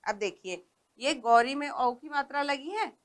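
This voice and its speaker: Slow, patient woman teaching children. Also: sits high, expressive. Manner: slow, patient, stresses and stretches each word; asks questions and answers them herself. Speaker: primary school teacher. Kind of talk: Hindi phonics lesson for young children.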